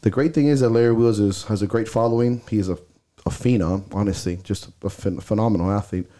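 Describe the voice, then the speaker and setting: A man with a warm, lowish voice co-hosts a casual podcast, speaking a little fast. Stuffy-nosed and recorded close to the mic, he's blunt and swears freely.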